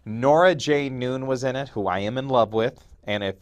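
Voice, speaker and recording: A man's voice: medium pitch, normal speed, clean tone. A man on a casual film panel, joking and blunt in his opinions. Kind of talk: casual panel chat about films.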